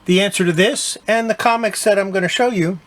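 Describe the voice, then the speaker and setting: A man's voice: high-pitched, brisk. Older man chatting about his collection. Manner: relaxed, chatty, with fillers. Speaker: collector channel host. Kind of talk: casual collection show-and-tell.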